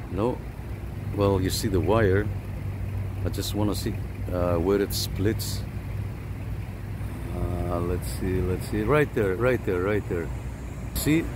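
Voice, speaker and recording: This CB radio operator and vlogger has a low voice, and there's noise in the background. He talks casually over the radio from his parked car, then heads outside for an on-camera walkthrough, repeating himself, leaning on radio slang, and filling gaps with many fillers.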